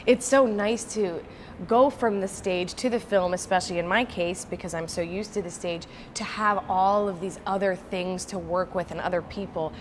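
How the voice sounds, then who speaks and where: A woman's voice: fairly low pitch, moderate pace, a little hiss or hum. A woman actress as an interview guest, telling stories animatedly with lots of "like" and "you know". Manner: animated, acts out quoted voices, fillers like "like" and "you know". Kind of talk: casual interview storytelling.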